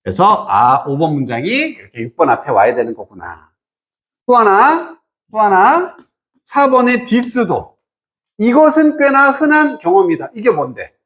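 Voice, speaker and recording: Here a man teaching English walks students through an exam passage, speaking casually in a fairly high, highly expressive voice that swoops around. Frequent quiz-like questions test whether they understand, and English phrases pop up throughout.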